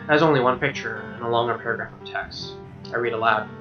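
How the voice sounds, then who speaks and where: This is a fast-talking man with a mid-range voice, streaming a game and reading its visual novel narration in a chatty way. He sometimes trips over the text and drops casual side comments. Guitar music plays underneath a muffled, distant microphone.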